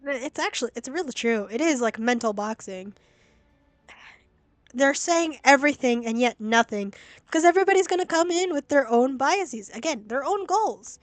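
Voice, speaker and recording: A young woman streamer reacts to a game in a blunt, sweary and exasperated way. Her voice sits high. The sound is dry and close, from a laptop mic at home. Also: expressive, normal speed, dry recording. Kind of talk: casual game-stream commentary.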